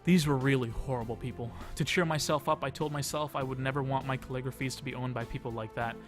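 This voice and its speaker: A man with a mid-range, steady voice reads a visual novel aloud at a fast clip as a let's play host. He dramatizes the story expressively and drops in casual asides, with game music playing behind him.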